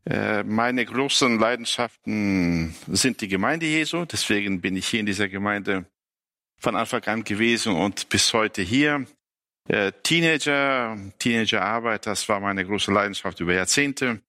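Bright-voiced man in his sixties. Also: on the low side, no room sound, studio quality. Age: 60s. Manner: halting, many filler sounds. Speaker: panel guest, pastoral counselor. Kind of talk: casual panel talk.

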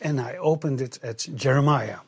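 A man from the Netherlands, a guest telling his story in short halting bits with many fillers and restarts for an interpreter. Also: mid-range voice, gravelly, breathy edge. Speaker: guest, travel coordinator.

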